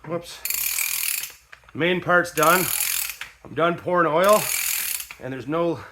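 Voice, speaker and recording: A man's voice: fairly high pitch, slow, heavy background noise. A man in his workshop, casually demonstrating an old tool in a folksy, plain-spoken way, with ratchet clicks behind him. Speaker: tradesman demonstrating an antique tool.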